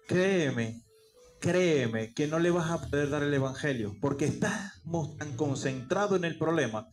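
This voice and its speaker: A man's voice: fairly high pitch, expressive, unhurried. A male pastor preaching a sermon, asking rhetorical questions and answering them himself. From Peru. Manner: rhetorical questions answered aloud, acts out quoted voices.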